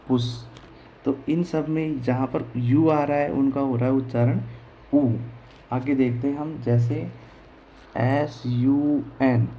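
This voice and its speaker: Slow, mellow-voiced male teacher spelling out words. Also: mid-range voice, a little hiss or hum, poor audio. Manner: spells words letter by letter, repeats answers to his own questions. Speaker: English teacher. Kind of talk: slow classroom explanation in Hindi.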